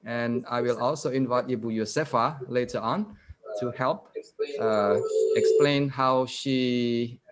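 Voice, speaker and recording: This male guest lecturer has a mid-range voice with fairly even intonation. He gives an interactive lecture online via video call, testing his audience with questions and slowly reading out statements, which he repeats.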